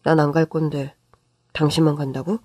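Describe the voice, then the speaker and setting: A woman doing a low, weary husband. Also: flat delivery, dark tone, no room sound. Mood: subdued, weary. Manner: low, subdued, measured. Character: weary calm husband, low-voiced, fed up with his mother.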